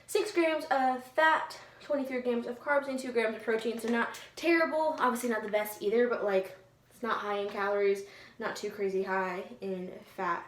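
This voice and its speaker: A young woman talking casually and informally to her vlog viewers, often softening things with filler words like "like" and "kind of". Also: fairly high pitch, moderate pace. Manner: chatty, informal, hedging with "like" and "kind of". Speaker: fitness vlogger. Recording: roomy echo, faint background noise.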